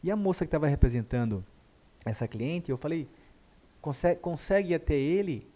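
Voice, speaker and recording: A man, a guest therapist telling a story in a lively way and acting out the dialogue. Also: a little high, moderate pace. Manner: animated, acts out dialogue. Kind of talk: conversational storytelling.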